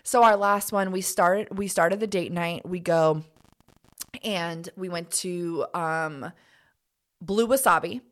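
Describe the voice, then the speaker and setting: Woman, co-host, lowish voice, animated, chatty, lots of fillers. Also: slow. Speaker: podcast co-host. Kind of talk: casual chat.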